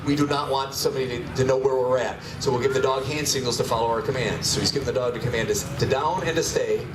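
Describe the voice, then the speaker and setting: A man's voice: medium pitch, steady tone, fast talker. A man announcing a live police dog demonstration with playful, showman-like commentary. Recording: distant echoey PA, loud crowd noise.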